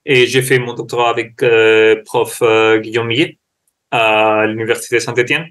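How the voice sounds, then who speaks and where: A man's voice: medium pitch, steady tone, normal speed, a bit bright. Man, Spanish accent, native Spanish speaker, interview guest, hesitant, searching for words. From Spain. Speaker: sport science researcher, guest.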